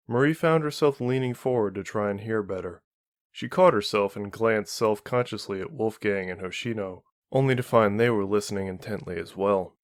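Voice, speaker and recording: A man narrating fan fiction in a steady, measured reading. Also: on the low side, no echo, studio quality. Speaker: audiobook reader.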